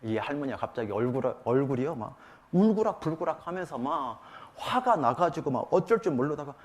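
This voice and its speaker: Man telling a lively lecture story. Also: fairly high pitch, a little fast. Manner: animated, chuckles while telling a story. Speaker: lecturer at a church mothers' class.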